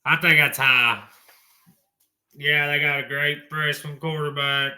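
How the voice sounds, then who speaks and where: A man's voice: on the high side, fairly even intonation, slow pace, sharp tone. A man hosting a college football talk show, blunt and folksy, tossing in mild swearing. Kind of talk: opinionated sports talk.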